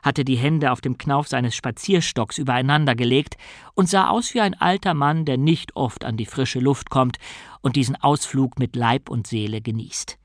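Man reading a story, calm and measured. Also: medium pitch, no echo, studio quality. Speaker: audiobook reader. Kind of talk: scripted narration.

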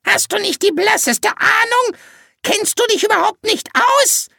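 A reader voicing a squawking, cranky male parrot in an audiobook, creaky and scolding. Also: very high-pitched, animated, unhurried, sharp tone, dry recording, clean studio sound, pitched above the performer's own voice, heavily acted. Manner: scolding, impatient. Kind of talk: audiobook character voice.

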